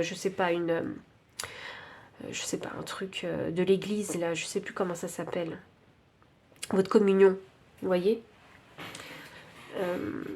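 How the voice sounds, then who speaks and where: A woman with a French accent giving an intuitive tarot reading, thinking aloud with many pauses and fillers. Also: medium pitch, a little mellow. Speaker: tarot card reader.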